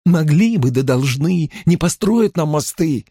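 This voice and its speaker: A man's voice: a little high, expressive, a little slow, warm tone, breathy edge, dry recording, studio quality, pitched above the performer's own voice, full character voice. A man voicing a frustrated, outspoken young noblewoman in a nasal whisper. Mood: bitter.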